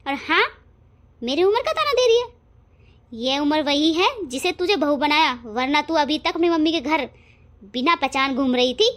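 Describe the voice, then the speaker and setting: A woman voicing a sharp-tongued, scolding mother-in-law in an animated family drama, bossy and quick to threaten. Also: high voice. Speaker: voice actor. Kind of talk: cartoon family drama acting.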